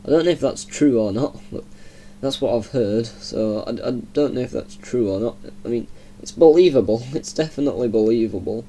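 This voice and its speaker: A man's voice: mid-range voice, fairly quick, hardly any pauses, slight background noise. Chatty young man with a Yorkshire accent. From Yorkshire, England. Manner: chatty and rambling, laughing softly now and then. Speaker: gaming channel host. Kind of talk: casual gameplay commentary.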